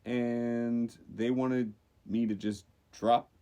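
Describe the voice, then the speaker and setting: A young man from Louisiana co-hosting a podcast, telling stories in casual chat and jumping up in pitch for emphasis. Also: extremely slow, smooth. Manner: animated storytelling, jumps up in pitch for emphasis. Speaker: podcast co-host.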